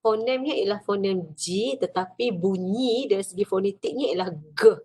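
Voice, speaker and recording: A woman's voice: mid-range voice, moderate pace, dark tone, husky. A woman with a Malaysian Malay accent giving a recorded lecture, explaining step by step with many fillers.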